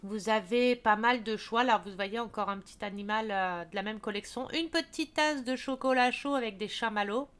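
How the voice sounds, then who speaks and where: Chatty French-speaking woman, slightly high voice. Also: normal speed, hardly any pauses, fairly bright tone, smooth. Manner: chatty, many fillers and restarts. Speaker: craft video creator. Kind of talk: casual product walkthrough.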